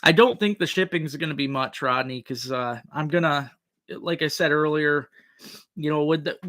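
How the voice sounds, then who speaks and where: A man's voice: fairly high pitch, normal speed, fairly bright tone. A man hosting a livestream, chatting casually with viewers in a folksy, rambling way. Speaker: livestream host.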